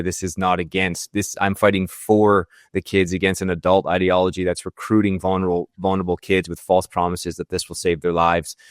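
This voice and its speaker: A man's voice: sits low, smooth, no echo, studio quality. A middle-aged Canadian man, a football coach, answering in an interview, earnest and emotional. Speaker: high school football coach. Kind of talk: interview guest.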